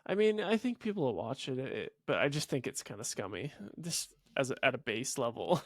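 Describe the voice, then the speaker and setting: Wry, lively-voiced man, dry close mic. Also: medium pitch, fairly quick, dry recording. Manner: wry, joking asides, laughs often. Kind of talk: casual podcast chat.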